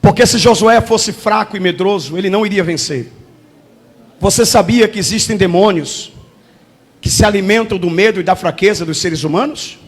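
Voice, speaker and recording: A bishop preaching a fervent sermon, repeating phrases and calling out to the congregation. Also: male voice, high voice, moderate pace. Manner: fervent, repetitive preaching with call-and-response. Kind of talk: shouted sermon.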